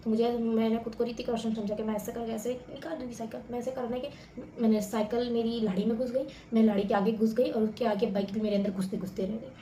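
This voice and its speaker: A young woman talks fast and chattily to her viewers, spinning stories in an animated, familiar way. Her voice sits mellow and dark in tone. An echoey room surrounds her, with a faint background hum. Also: fairly high pitch. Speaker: vlogger. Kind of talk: casual storytelling to camera.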